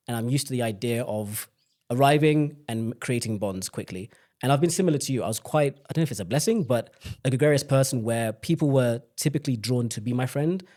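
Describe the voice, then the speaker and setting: This is a young UK man on a podcast, his mid-range voice a little mellow. He reflects openly on his own experiences in candid conversation, frequently starting his sentences over.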